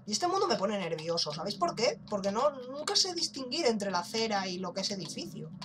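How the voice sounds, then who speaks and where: A young gaming YouTuber from Spain keeps up brisk, very animated let's play commentary in a high voice, joking casually and dropping the occasional swear as he plays. Game music runs in the background.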